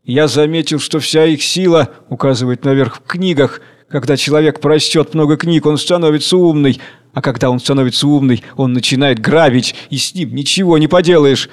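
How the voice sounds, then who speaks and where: A man's voice: on the high side, fairly quick, close to an everyday voice. A man voicing a red-faced old man who rants with spite at a meeting of the poor. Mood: spiteful. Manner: ranting, spiteful.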